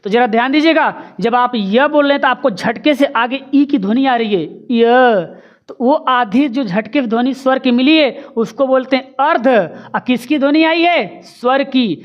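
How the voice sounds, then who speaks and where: Woman tutor, high voice, drills sounds and answers her own questions; dull recording. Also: normal speed, few pauses. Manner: asks rhetorical questions then answers them, drills sounds aloud. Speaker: teacher. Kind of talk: exam-prep grammar lesson.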